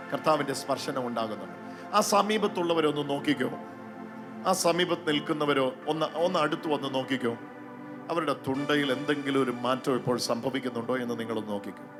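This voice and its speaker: A man preaching and praying aloud at a healing service in a large hall, calling out to the congregation in a fervent manner. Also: medium pitch. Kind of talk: charismatic preaching and prayer.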